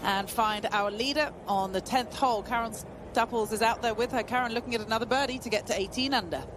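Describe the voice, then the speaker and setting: A golf commentator giving measured live tournament play-by-play and handing over to colleagues. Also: medium pitch, music in the background. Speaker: golf commentator, lead announcer.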